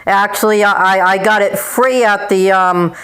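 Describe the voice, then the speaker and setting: Woman, average pitch, hesitant word-repeating casual conversation. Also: fairly even intonation, unhurried, fairly bright tone. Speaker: daughter on a family phone call.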